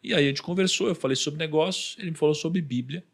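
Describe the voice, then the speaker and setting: A man's voice: fairly high pitch, fast talker, vocal fry. A man with a Brazilian accent, a podcast guest telling a personal story and acting out what others said. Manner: animated, acts out the voices of others in his story.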